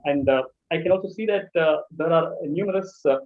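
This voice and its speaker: Man on a choppy, tinny video call. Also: a little high. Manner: halting, many filler sounds. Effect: choppy, dropping internet connection. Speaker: webinar moderator. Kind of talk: hesitant interview questions.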